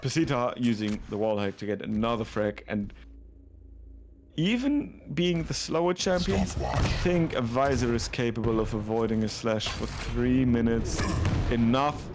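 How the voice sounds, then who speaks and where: A man's voice: mid-range voice, measured pace, a little mellow, slight background noise. A man casting an esports match live, chatty and joking, often restarting his sentences. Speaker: esports caster. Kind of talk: casual live esports commentary.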